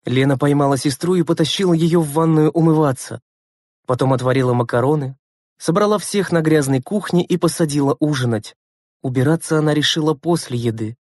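A woman narrating a children's story in an expressive, measured way. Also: sits low, no room sound, clean studio sound. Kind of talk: storybook reading.

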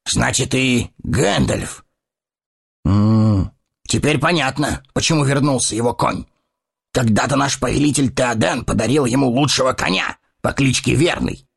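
An actor playing a proud, commanding horse-lord guard captain in an audio drama. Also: male voice, mid-range voice, vocal fry, breathy edge.

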